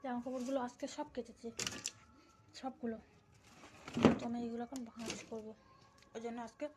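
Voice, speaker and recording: A woman's voice: fairly high pitch, heavy background noise. Chatty young woman vlogging from home. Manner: chatty, talks softly while child sleeps. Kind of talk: casual home vlog chat. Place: home, then outdoors in a field.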